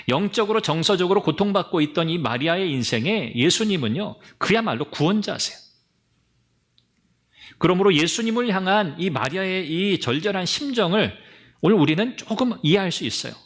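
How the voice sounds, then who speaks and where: A male pastor giving a Sunday sermon with animated storytelling, speaking directly to his congregation and acting out the people in the story. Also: high voice, normal speed.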